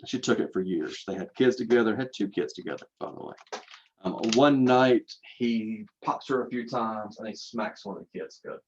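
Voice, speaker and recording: A man's voice: lowish voice, moderate pace, muffled recording. Man lecturing like a storyteller. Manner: conversational, with rhetorical questions and dramatic repetition. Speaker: college instructor.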